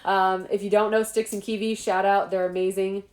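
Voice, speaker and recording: A woman's voice: mid-range voice, moderate pace. Bubbly woman chatting in an echoey room. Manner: bubbly, laughs often, animated asides. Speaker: author hosting an interview. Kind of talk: casual chat. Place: home room.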